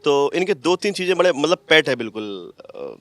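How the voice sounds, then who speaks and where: Male teacher, slightly high voice, playful ribbing, casual chat. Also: sing-song, normal speed. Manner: playful ribbing, mimics a colleague. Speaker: exam coaching teacher. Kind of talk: casual joking chat among colleagues.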